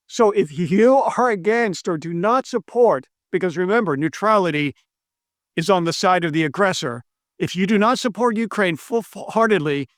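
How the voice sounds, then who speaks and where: Speaking to camera from a room with brick and stone walls, this US economist presents a video lesson on money in an earnest, persuasive way. His kinda high voice is a bit bright, captured dry and close with no echo. He hammers the same point emphatically, repeating key claims and tripping over foreign names.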